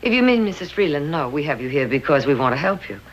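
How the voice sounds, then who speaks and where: A woman's voice: deep voice, very animated, quick pace, dull audio. An actress playing an earnest, compassionate woman lawyer who talks persuasively. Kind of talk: 1950s television drama acting.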